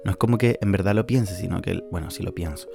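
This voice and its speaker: A man's voice: deep voice, quick pace, gravelly. A man in his early twenties with a Chilean accent, talking candidly and emotionally about stress and anxiety in a casual podcast monologue, with faint music behind him. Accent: Chilean Spanish. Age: 20s. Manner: candid, emotional, swings between laughing and tearful. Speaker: podcast host.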